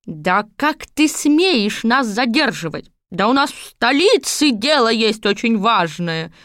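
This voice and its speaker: A woman's voice: a little high, big pitch swings, slow, a bit bright, no room sound, clean studio sound, voice pushed up, exaggerated voice. A woman voicing a cranky old witch in an audiobook fairy tale, scolding and bossy.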